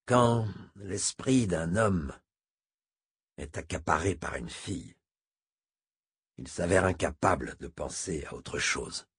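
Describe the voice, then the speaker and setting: Man doing an old masked mutant scout, audiobook, deep voice, very husky, quiet clipped lines. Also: lively intonation, slow pace, long pauses, full character voice. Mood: low, terse.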